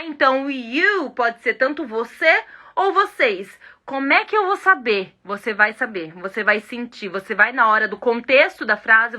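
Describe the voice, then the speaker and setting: A woman's voice: high-pitched, pushed and bright. A Brazilian woman teaching English in a casual online lesson, playful and chatty, speaking straight to her viewers. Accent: Brazilian Portuguese.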